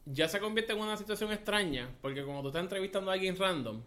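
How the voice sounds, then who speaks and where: Man, Puerto Rican accent, bright tense voice, slightly high, animated profane storytelling. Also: fast. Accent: Puerto Rican Spanish. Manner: animated, profane, mixes in English words. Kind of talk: casual storytelling chat.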